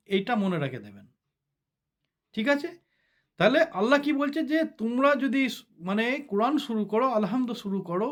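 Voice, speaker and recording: High-pitched man giving a religious talk. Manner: explains step by step, asks the listeners "ঠিক আছে?". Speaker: religious speaker. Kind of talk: sermon-style religious talk.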